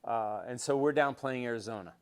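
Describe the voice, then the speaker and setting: An older man with a smooth, resonant voice, looking back on old memories in a relaxed interview. He wanders through his stories with fillers and restarts, then gets lively as the tale builds. His pitch sits right in the middle for a man. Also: a little fast. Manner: rambling with many restarts and fillers, grows animated telling stories. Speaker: interview guest, former quarterback.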